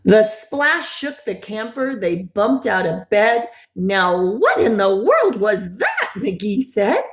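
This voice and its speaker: Speaking slowly in a mid-range voice, a woman brings a picture book to life for young children. She breaks off for easy questions, gasps and exclamations.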